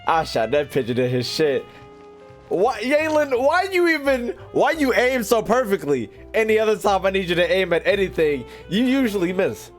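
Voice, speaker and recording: Very animated, with a high voice at normal speed, an American game streamer jokes and swears in loose slang during casual livestream commentary. Video game music and dialogue run under his voice.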